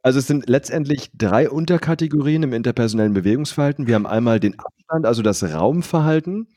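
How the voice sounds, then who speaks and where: Mellow man explaining calmly. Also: medium pitch, fast talker, no room sound, clean studio sound. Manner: calm, explanatory. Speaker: podcast co-host, expert. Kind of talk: casual podcast chat.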